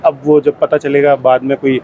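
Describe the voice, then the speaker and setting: A man's voice: mid-range voice, flat delivery, phone-quality sound, a little hiss or hum. Man from Jaipur answering at a trade fair. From Jaipur, India. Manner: mixes Hindi with English phrases, thoughtful with many pauses. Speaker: exhibitor at a garments fair. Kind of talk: on-the-spot interview answers. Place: busy trade fair hall.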